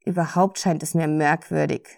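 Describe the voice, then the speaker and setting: A woman narrating a fantasy audiobook in a measured, calm way. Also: low-pitched, gravelly.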